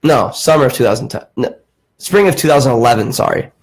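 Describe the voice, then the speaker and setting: A podcast host in his late twenties tells a long story in casual chat, his ordinary-pitched voice carrying a gravelly, creaky edge. He talks fast with lively intonation, rambling, swearing freely, and leaning heavily on "like."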